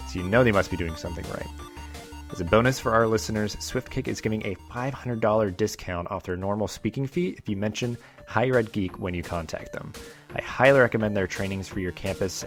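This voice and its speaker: A man hosting a podcast, talking casually with lots of filler words as he introduces the episode and reads a sponsor message. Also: lowish voice. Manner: relaxed, many fillers. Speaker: podcast host.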